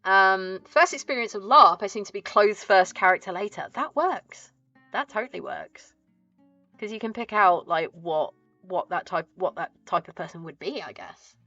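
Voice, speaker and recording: A woman's voice: mid-range voice, moderate pace, few pauses, pushed and bright, no room sound, highs cut off, faint music behind. A woman with a southern English accent chatting casually as a livestream host, chirpy and friendly in a cute streamer manner.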